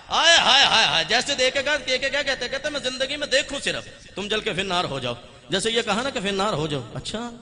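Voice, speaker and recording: A man preaching a Muharram majlis sermon in a Pakistani Urdu accent. He climbs to shouted, fervent peaks, then drops to quiet asides. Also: fairly high pitch. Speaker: Shia preacher. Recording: long hall reverb.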